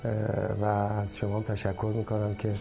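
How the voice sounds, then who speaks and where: A man's voice: lowish voice, completely flat delivery, mellow, faint music behind. A male guest offering a polite, formal greeting and thanks.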